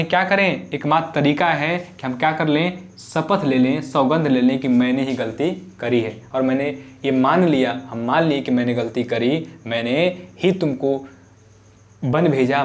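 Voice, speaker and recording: A male teacher explaining a Hindi poem line by line. He keeps repeating phrases, glosses hard words, and asks the class questions that he then answers himself. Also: mid-range voice. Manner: repeats phrases while glossing word meanings.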